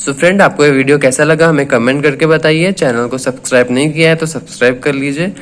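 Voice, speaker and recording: Higher-voiced man teaching a video lesson. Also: fairly even intonation. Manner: explains step by step, reads English definitions slowly and then restates them. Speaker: teacher and channel host.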